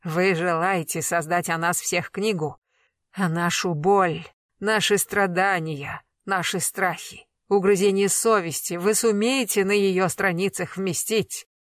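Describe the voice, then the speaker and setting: A reader voicing a cornered middle-aged man accused of murder, pleading and shouting denials in an audiobook. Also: mid-range voice, no echo, clean studio sound, natural voice. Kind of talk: audiobook character reading.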